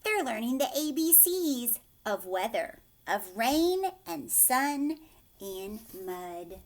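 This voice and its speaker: Reading aloud to young children, a teacher brings a picture book to life by lengthening words and breaking into soft asides that quiz her audience. Her voice sits a little high and sing-song, and she goes slowly.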